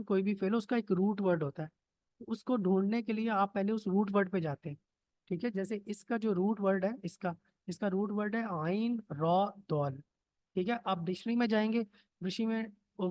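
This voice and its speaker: A man's voice: high voice, a little mellow, dry recording. A man teaching Arabic grammar in an online lesson, explaining step by step and checking in often with his students. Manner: patient, checks in with "theek hai?" often. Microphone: computer mic on a video call.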